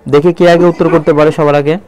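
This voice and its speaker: A man teaching a live online Bangla lesson, keeps asking the viewers questions and slows down to read poem lines aloud. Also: a little high, level tone, a little mellow, dry recording. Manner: quizzing viewers with repeated questions.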